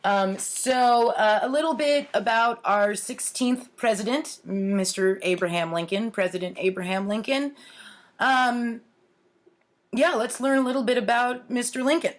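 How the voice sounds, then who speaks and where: The host of a storytime series, a woman in her forties, speaks at a fairly high pitch with fairly even intonation and no hurry. In her home kitchen, she playfully comments on her own childhood writings for a casual comic vlog, wry and mock-earnest.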